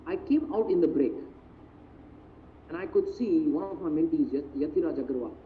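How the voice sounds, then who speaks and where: A man with an Indian accent, a business mentor telling a story in a live online talk, animated and acting out quotes. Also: a little high, normal speed. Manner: animated, mixes in Hindi phrases, acts out quotes. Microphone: video call. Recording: tinny phone-like audio, faint noise.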